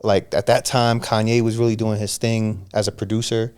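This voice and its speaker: This Pennsylvania man in his thirties, appearing as a podcast guest, has a lowish, smooth, darkish voice with a flat delivery. He tells stories casually and fast, full of slang and frequent restarts, as part of a relaxed conversation.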